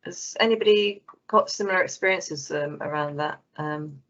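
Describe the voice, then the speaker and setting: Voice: medium pitch, normal speed, a bit bright. A host moderating questions at an online event, with a friendly, filler-heavy delivery. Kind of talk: moderating a webinar. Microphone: video call. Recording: dull lo-fi call audio.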